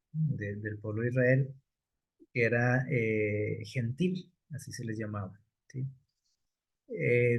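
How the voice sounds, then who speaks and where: A man's voice: mid-range voice, a little mellow. Male preacher. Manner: unhurried, many fillers and checking questions. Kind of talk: sermon.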